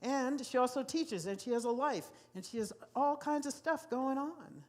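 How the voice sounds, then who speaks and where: A woman's voice: high voice, expressive, moderate pace. A woman pastor delivers a sermon in a church sanctuary. She speaks with emphasis and repeats her key phrases to drive them home.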